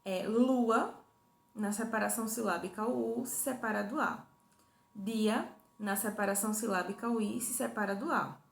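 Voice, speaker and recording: A woman's voice: medium pitch, moderate pace, gravelly. A young woman teaching a review lesson to primary school children, patient and repetitive, checking in with her listeners often. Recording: echoey room, faint hum.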